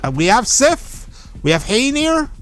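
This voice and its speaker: High-voiced let's play host. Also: male voice, very animated, unhurried, fairly bright tone. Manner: chatty, gives strategy tips, self-correcting. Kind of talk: casual game commentary.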